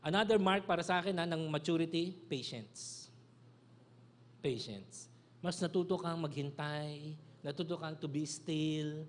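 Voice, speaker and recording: A middle-aged male pastor from the Philippines preaches an animated sermon at a moderate pace, mixing Tagalog and English. He calls out for amens and drops to a soft, low voice on key phrases.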